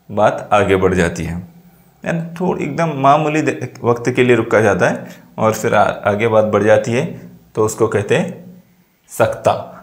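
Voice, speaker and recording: A man teaching a grammar lesson, explaining slowly and checking often that students follow. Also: mid-range voice. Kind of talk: classroom lesson.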